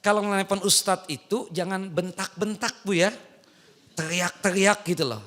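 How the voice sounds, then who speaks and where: Male preacher, higher voice, lively and teasing, keeps throwing questions at his listeners. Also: moderate pace. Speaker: Islamic preacher. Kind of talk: sermon to women. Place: mosque.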